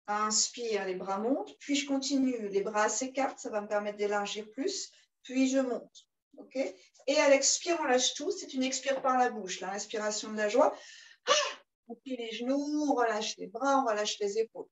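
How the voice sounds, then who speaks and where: A woman teaching a yoga class, giving calm, guiding cues and chanting rhythmic breath sounds. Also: fairly high pitch, moderate pace, rough recording. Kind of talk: guided yoga class instruction.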